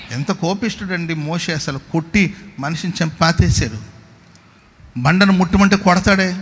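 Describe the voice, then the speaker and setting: Impassioned pastor preaching in an echoing church. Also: male voice, high-pitched, fairly bright tone. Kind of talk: sermon. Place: church worship service.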